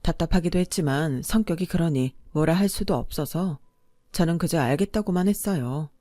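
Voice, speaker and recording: A woman telling a story in the first person, in a calm, confiding narration. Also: low voice, moderate pace, no room sound.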